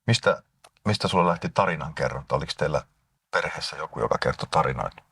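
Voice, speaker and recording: A man leads an interview with short, prompting questions in a low voice. His tone is somewhat husky, and he sits a little away from the microphone in a dry-sounding space. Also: animated, fairly bright tone, dry recording. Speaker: interviewer, host. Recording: distant dry mic.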